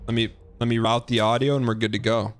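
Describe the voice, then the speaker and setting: Fast and flat, a mid-range male voice runs casual game commentary on a live stream with game music behind it. He reads out chat and on-screen text, tossing in slangy, chatty asides.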